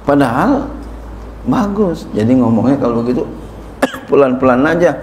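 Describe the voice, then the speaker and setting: A man, a kiai giving a sermon-style lesson on a classical text. He reads Arabic lines, then explains them in casual Indonesian with lively emphasis. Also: medium pitch, moderate pace, a little hiss or hum. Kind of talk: sermon-style kitab study. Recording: echoey room with faint ambience.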